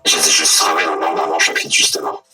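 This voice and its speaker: A masked informant through a deep voice changer. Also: male voice, completely flat delivery, fast, sharp tone, soft background music, full character voice. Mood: cagey. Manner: hesitant, evasive, stammering. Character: masked anonymous ex-guard, secretive and cagey. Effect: voice changer, deepened.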